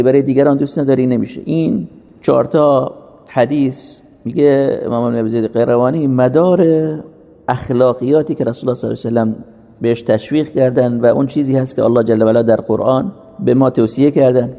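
Speaking at a mid-range pitch with fairly even intonation, this religious teacher has a gravelly, warm voice. His lecture is earnest and sermon-like, built on rhetorical questions he answers himself, and it is recorded with a long hall reverb.

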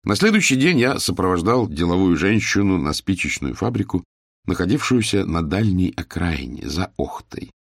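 A man narrating a novel as an audiobook in an expressive way. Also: low-pitched, moderate pace, vocal fry, dry recording, studio quality.

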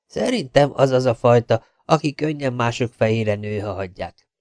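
A man's voice: mid-range voice, a little mellow, no echo, lightly acted. A man reading an audiobook, voicing an inquisitive male journalist who asks blunt questions and makes dry remarks. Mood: wary.

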